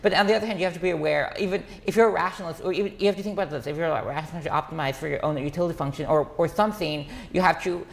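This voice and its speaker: Fast-talking man, full of restarts. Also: a little high, vocal fry. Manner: rapid, halting, many restarts and fillers. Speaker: guest. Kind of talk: casual conversation.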